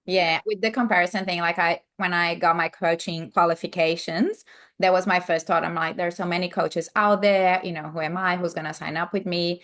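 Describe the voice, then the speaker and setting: A woman from Brazil, speaking with a Brazilian Portuguese accent, appears as an upbeat, cheerleading coach on a podcast in a casual interview chat. Her lowish voice is fairly bright and steady, and she talks a little fast.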